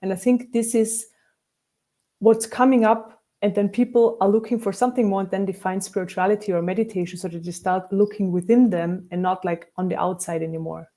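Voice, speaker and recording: Mellow-voiced woman, reflective. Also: mid-range voice, steady tone, a little fast. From Austria. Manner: thoughtful, with frequent restarts. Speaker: spiritual teacher and guest. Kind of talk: reflective interview conversation.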